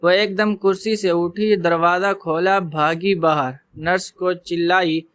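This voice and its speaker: A man narrating an emotional story in a steady storytelling manner. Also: high voice, smooth.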